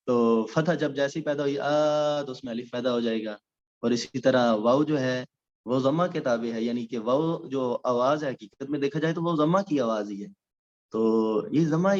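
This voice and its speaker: A man's voice: mid-range voice, a little mellow, dull audio. A male recitation teacher giving a recorded lecture, explaining step by step with frequent hesitation sounds.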